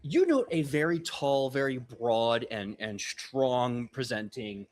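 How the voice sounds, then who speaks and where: A laid-back man running a tabletop game, narrating scenes with plenty of "like" and "uh". His voice rises and falls with lively intonation. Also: mid-range voice, slow, slight background noise. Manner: laid-back, lots of fillers like "like" and "uh". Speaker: game master.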